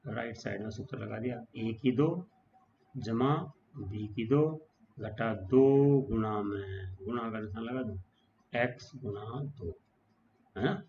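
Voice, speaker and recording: A male math teacher with a medium-pitched voice and vocal fry works through equations step by step on the whiteboard, speaking a little slowly with long pauses. His casual classroom style includes frequent check-ins with students. The recording is dull and lo-fi, with faint background noise.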